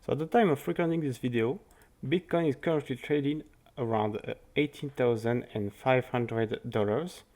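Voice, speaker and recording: A man with a French accent, a native French speaker, giving a market review over charts in careful, halting English with frequent restarts. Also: medium pitch, a little mellow. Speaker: crypto market analyst.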